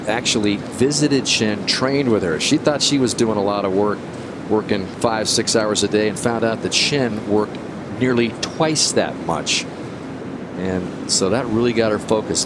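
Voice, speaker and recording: Golf commentator: man, lower register, live tournament call, noticeable rumble behind. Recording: steady outdoor rumble behind voice.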